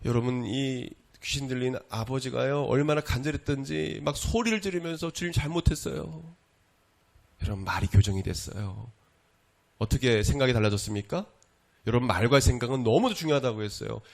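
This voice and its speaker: A male pastor preaching a sermon. He swings between loud exclamations and hushed asides and keeps asking his listeners rhetorical questions. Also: mid-range voice, lively intonation, fairly quick, gravelly. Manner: asks the congregation rhetorical questions.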